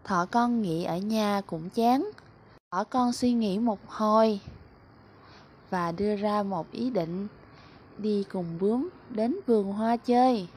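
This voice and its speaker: A woman preschool teacher narrating a children's story in a clear, expressive way. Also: mid-range voice, slow pace, a little hiss or hum.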